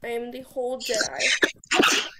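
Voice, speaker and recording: A woman's voice: a little high, level tone, slow pace, a crowd in the background. A woman chatting casually while playing a video game at home, joking at her own expense and swearing freely. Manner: swears freely, jokey, self-mocking. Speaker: gamer. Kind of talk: casual gaming chat. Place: home apartment. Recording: background noise with mouse clicks.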